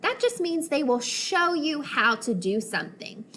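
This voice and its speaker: A woman's voice: high voice, sing-song, a bit bright. A woman teacher explaining vocabulary and reading a story aloud to young children, patiently and with voices for the characters, over a video call. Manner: patient, explaining words slowly, acting out character lines. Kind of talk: read-aloud lesson for children.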